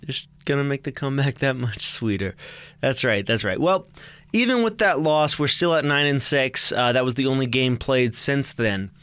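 A young American man talks through a college sports preview in a loose, joking way, catching and correcting his own slips. His voice sits at an ordinary middle pitch. The sound is close and dry, with little room around it. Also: lively intonation, normal speed, fairly bright tone, smooth, dry recording. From United States. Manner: chatty, joking, self-correcting. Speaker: sports show co-host. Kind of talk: casual sports preview chat.

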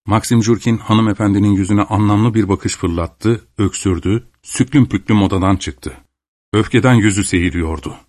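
A man narrating an audiobook in a steady, storytelling manner. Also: on the low side, moderate pace. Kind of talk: scripted narration.

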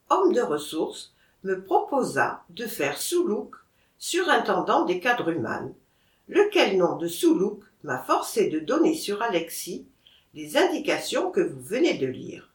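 A woman narrating a classic novel as an audiobook in an animated, theatrical manner. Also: medium pitch, a little slow, roomy sound, recorded from a distance. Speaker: audiobook reader.

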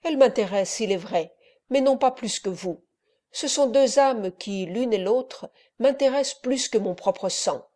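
A man's voice: very high voice, unhurried, darkish tone. A woman reading an elderly friar in an audiobook, fervent and preaching. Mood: imploring. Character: impassioned elderly male friar, pleading then wrathful.

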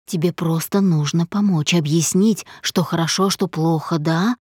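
A woman reading a controlling husband in a lowered, slow, stern voice for an audiobook. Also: slightly rough, no room sound, studio quality. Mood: stern, coaxing. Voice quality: low, measured, slow and stern. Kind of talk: audiobook character voice.

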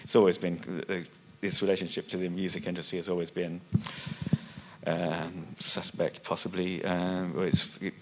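A man's voice: sits low, level tone, moderate pace, slight background noise. A man speaking on a panel discussion, thinking aloud with frequent restarts and fillers, once losing his thread. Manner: hesitant, many restarts and fillers, loses thread. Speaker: panelist, music magazine writer. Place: conference hall panel.

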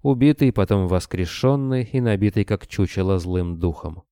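A man's voice: low-pitched, moderate pace, clean tone, no room sound. A man voicing a grim, deathless monster hunter who speaks dryly and tersely. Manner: dry, calm, terse.

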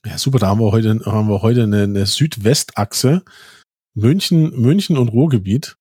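A man's voice: lowish voice, moderate pace, dark tone, husky, dry recording. A man hosting a podcast interview from a studio, moderating in an upbeat, informal way. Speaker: podcast host.

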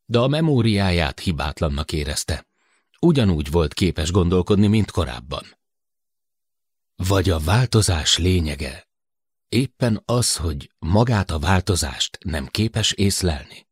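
A man from Hungary narrating a science fiction audiobook in a measured, even storytelling manner. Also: low voice, breathy edge, no room sound, clean studio sound. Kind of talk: scripted narration.

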